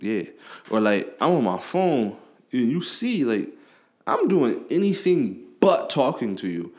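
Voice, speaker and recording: A man hosts his own podcast in a loose, profane rant. His pitch swings a lot as he talks, and his delivery stays blunt and animated. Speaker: podcast host. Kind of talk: casual ranting monologue.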